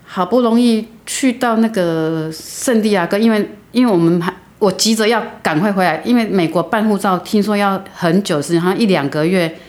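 A middle-aged woman from Taiwan, a guest telling a personal story earnestly, with halting restarts. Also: mid-range voice, a little mellow.

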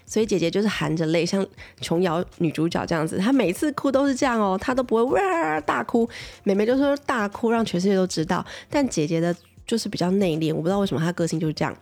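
A woman's voice: medium pitch, fast talker, darkish tone. A woman in her thirties, a mother and pediatrician with a Taiwanese Mandarin accent, chatting casually as she tells a family story and keeps checking that listeners agree.

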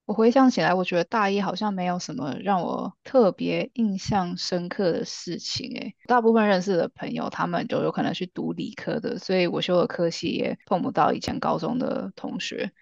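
A young woman co-hosting a casual podcast, talking in a relaxed, thoughtful way. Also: fairly low pitch, fairly quick, creaky, few pauses, dry recording, muffled recording. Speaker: podcast co-host.

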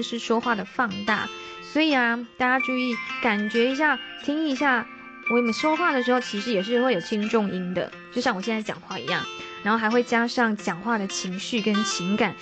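A woman singing teacher giving a vocal lesson, explaining patiently with soft sentence-final particles. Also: on the high side.

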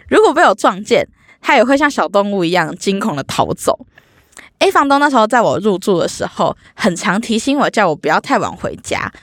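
A young woman tells a vlog story, her pitch leaping up and down as she acts out every exchange. The recording is close and dry, with no room sound. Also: moderate pace, dry recording. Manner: animated, acts out quoted dialogue. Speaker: vlogger.

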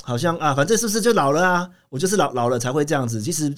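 A quick, animated male doctor, speaking a bit high and rushing his words. He tells stories chattily into a studio mic and laughs often. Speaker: urologist guest. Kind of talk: animated storytelling in a radio interview.

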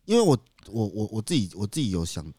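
A man with a Taiwanese accent talks quickly in a frank, colloquial co-host style. His pitch moves around animatedly, and he slips in English words. The sound is dry, with no room around it. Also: big pitch swings, mellow, slightly rough, dry recording. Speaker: podcast co-host. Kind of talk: casual, frank chat.

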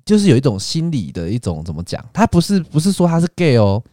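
A man's voice: a little high, wildly swooping pitch, quick pace, mellow, no room sound, studio quality. A man co-hosting a casual chat, teasing and rambling loosely. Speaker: podcast co-host.

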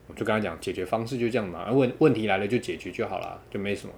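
A man telling a dating story in casual chat, quoting others with animated, laughing delivery. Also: on the low side, racing, creaky, a little hiss or hum.

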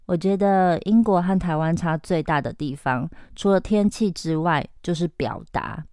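A woman from Taiwan with a Taiwanese Mandarin accent hosts a podcast English lesson. Her voice is fairly low and smooth, recorded close and dry. She coaxes and drills, slowing down to model each phrase. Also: no room sound. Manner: lively, coaxing teacher who models phrases slowly. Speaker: English teacher.

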